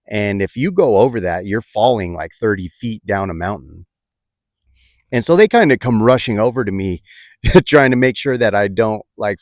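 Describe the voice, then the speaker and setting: A man telling a personal story in a reflective, halting way, with many fillers and restarts. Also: lowish voice, no echo, studio quality.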